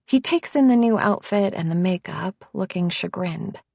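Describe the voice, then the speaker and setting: Gravelly woman narrating an audiobook. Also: on the low side, expressive, moderate pace, a little mellow, no room sound. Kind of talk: first-person scripted narration.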